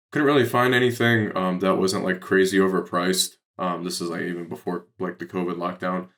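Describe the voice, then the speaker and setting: A real estate investor from Detroit, Michigan, in the United States, guests on a podcast and explains things casually. His deep voice has vocal fry and a slightly bright quality. He rambles loosely, and his speech is packed with fillers, especially "like."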